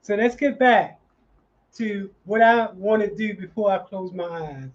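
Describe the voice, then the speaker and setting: Sixties male instructor, slow and halting with lots of fillers, dull lo-fi sound. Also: high voice. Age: 60s. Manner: halting, many fillers and restarts. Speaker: nonprofit class instructor. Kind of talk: live online class wrap-up.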